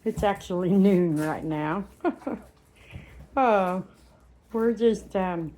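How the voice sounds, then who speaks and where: Woman dog breeder, relaxed slow delivery, rambling chat at home. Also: mid-range voice. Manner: chatty and rambling, breaks off to scold her dogs. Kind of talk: casual home vlog. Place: living room at home, indoors. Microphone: handheld camera or phone.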